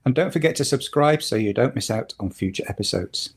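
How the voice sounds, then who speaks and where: A man co-hosting a podcast in casual chat, opinionated and getting animated when something annoys him. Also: medium pitch, fairly quick, slightly rough. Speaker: podcast co-host.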